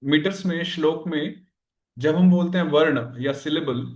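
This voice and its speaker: A man teaching a Sanskrit grammar class, explaining slowly and counting syllables aloud, switching between Hindi and English terms. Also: a little high, a little mellow, roomy sound. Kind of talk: online class lecture.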